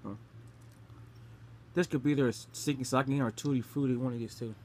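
A man's voice: medium pitch, fairly even intonation, moderate pace, darkish tone. Young guy vlogging casually while eating gross jelly beans, bit of room noise on a phone cam. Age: young adult. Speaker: vlogger hosting a taste challenge. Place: small bedroom indoors. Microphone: phone camera at arm's length. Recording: noisy home phone-camera recording.

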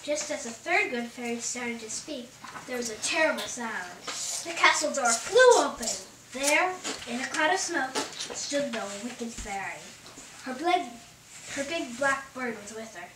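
A woman's voice: high voice, animated, a little slow. A girl reading a fairy tale aloud, with small slips and restarts. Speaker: storyteller. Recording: echoey room, far from mic, loud kitchen noise.

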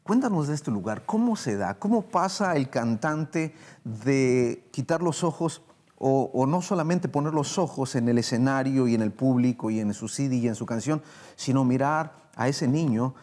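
A man's voice: medium pitch, a little mellow. Male TV host interviewing a guest. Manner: affirming with short "mm" responses, asks reflective questions. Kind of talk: studio interview. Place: TV studio.

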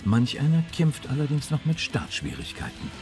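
A man narrating a car magazine report in a measured, informative voice-over. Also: a little high, big pitch swings. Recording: voice-over with music beneath.

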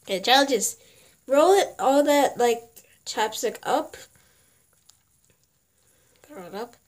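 A woman's voice: sits high, animated, slow pace. A teenage girl talking casually and rambling to a tablet camera at home while vlogging. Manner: chatty, giggly, rambling. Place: home kitchen and bedroom. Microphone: tablet camera at arm's length.

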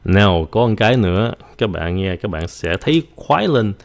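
Man, very low voice, casual vocabulary lesson, slow drilled English words, quick explanations, dry close sound. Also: very animated, gravelly, dry recording. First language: Vietnamese. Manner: repeats words slowly to drill pronunciation, then switches to quick explanation. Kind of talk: casual teaching in Vietnamese with English examples.

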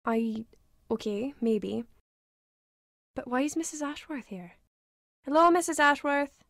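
An actress voicing a polite, careful young mother in a video game, speaking in a measured, slightly wary way. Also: high voice, animated, creaky, no echo, clean studio sound, exaggerated voice.

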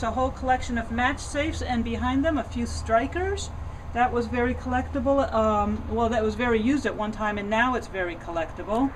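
A middle-aged woman with a high voice gives an enthusiastic, chatty tour of silver pieces among the display cases of an indoor antiques shop, using fillers and restarting her sentences. A nearby camera records her, and the background is noisy.

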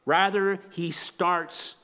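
Slow, high-voiced male preacher. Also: steady tone, bright, forceful tone, clear, resonant tone. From Canada. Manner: earnest, measured preaching with rhetorical questions; gestures broadly while leaning on the pulpit. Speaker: pastor. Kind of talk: sermon. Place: church sanctuary, at a pulpit. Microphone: pulpit microphone.

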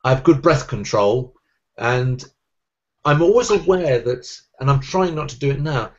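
A magician in his forties from England, with a Southern English Sussex accent, speaks fast and energetically, gesturing as he talks in a casual video-call interview. His mid-range voice has crisp, clear diction. He's indoors in a room at home, picked up by a webcam with lo-fi sound.

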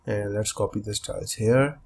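A young man with a lowish voice walks through code in a screen-recorded tutorial. He explains each step in a steady, methodical way. A faint hiss sits under the recording. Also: moderate pace. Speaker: coding tutorial host.

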